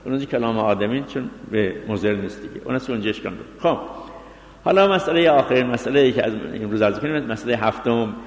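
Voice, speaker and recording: A man's voice: medium pitch, animated, echoey room, big-room sound. A man giving a lecture on religious law, reading Arabic passages and explaining them point by point. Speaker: seminary teacher of Islamic law. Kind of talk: jurisprudence lecture.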